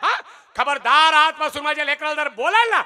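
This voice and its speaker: A man's voice: animated, fairly quick, sharp tone, exaggerated voice. A man putting on a fierce doting mother. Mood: indignant. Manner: high indignant scolding. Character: doting scolding mother, fierce over her son.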